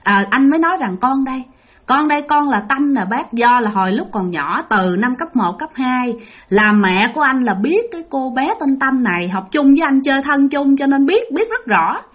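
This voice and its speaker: Animated woman storyteller. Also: high voice, normal speed. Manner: animated, addresses listeners directly. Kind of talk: spoken ghost story telling.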